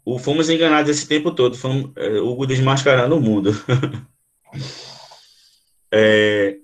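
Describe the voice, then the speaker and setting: A man's voice: mid-range voice, a little slow. A man teaching language in a live online lesson. He demonstrates the sounds himself, keeps checking in with his viewers and answers their comments as they come in. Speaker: Portuguese teacher.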